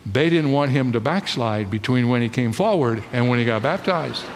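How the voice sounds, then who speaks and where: A middle-aged man preaching a sermon in a church, telling stories with animation and slowing down to stress key lines. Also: medium pitch, slight background noise. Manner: animated storytelling preacher, slows for emphasis. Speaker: pastor. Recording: long reverb of a large hall.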